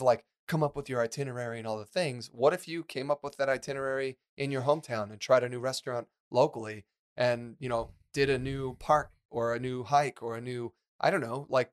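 A man co-hosting a podcast, his voice sitting in a plain middle register. He talks in a loose, rambling way, circling back with fillers and restarts as he works through his thoughts. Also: medium pitch. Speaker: podcast co-host. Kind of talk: casual podcast chat.

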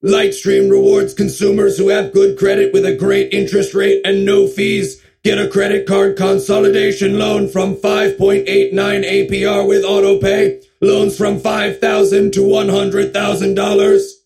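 A man voicing a robotic, menacing loan-form bureaucrat machine in a comedy ad skit, speaking in a stilted monotone. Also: high voice, a little slow, gravelly, hardly any pauses, over loud music, exaggerated voice. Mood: salesy.

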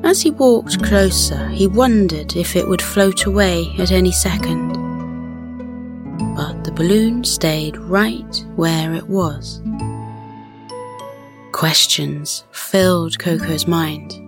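Woman, sleep story narrator, lowish voice, very slow pace, gentle and soothing, scripted bedtime storytelling, music behind. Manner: soothing, gentle, unhurried guided-relaxation delivery. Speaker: host and narrator of children's bedtime story podcast.

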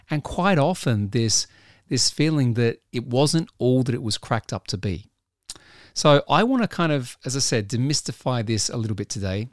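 Male podcast host, slightly husky today, chatty and relaxed, dry close recording. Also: mid-range voice, dry recording. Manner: conversational, clears throat, occasional laughs. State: husky from a frog in his throat. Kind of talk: solo business podcast talk.

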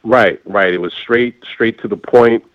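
A man in his forties telling his story as an interview guest, halting with many fillers and restarts. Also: on the low side, no echo, phone-quality sound. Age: 40s. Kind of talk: candid conversational storytelling.

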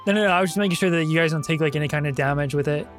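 A man's voice: on the high side, racing, faint music behind. A man speaking casually and with banter as the game master of a tabletop session. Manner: bantering, mock-exasperated.

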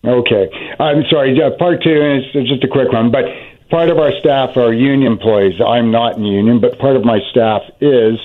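A man's voice: medium pitch, moderate pace. A man phoning in to a radio advice show, heard over a narrow, tinny phone line. He talks casually and politely, asks plain questions and says sorry when he interrupts. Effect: phone line on air.

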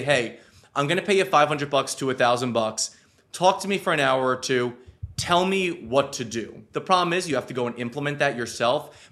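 A man's voice: mid-range voice, fairly bright tone. A man speaking as an advisor, explaining things casually and emphatically. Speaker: financial advisor guest.

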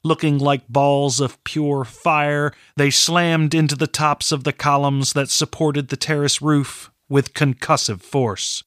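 A man reading a fantasy novel aloud as narrator, in a measured, steady storytelling manner. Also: on the high side, no echo, clean studio sound. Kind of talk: scripted audiobook narration.

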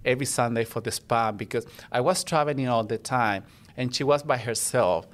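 A man from Chile, a native Spanish speaker with a Chilean accent, chatting warmly as a podcast guest and making small grammar slips. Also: medium pitch, brisk. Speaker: guest, international student. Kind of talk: casual personal storytelling.

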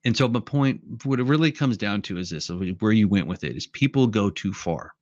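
Man, talky podcast guest, animated storyteller, muffled dry audio. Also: on the low side, moderate pace, no echo. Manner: animated storyteller who acts out quotes. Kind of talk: casual conversation.

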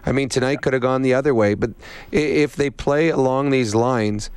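Guy co-hosting sports radio, casual analysis, clear dry voice. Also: medium pitch, moderate pace, darkish tone, no echo. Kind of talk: casual post-game analysis. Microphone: close broadcast microphone.

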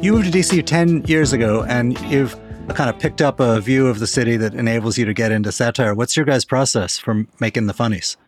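A podcast host from Washington, D.C., with an American accent, talks conversationally over music. His voice is medium in pitch and his pace fairly quick.

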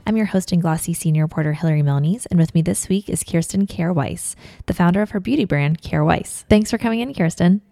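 Low-voiced woman podcast host, dry studio sound. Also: mellow, no room sound. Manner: brisk, prompting questions with frequent "mm-hmm". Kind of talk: podcast interview hosting and ad read.

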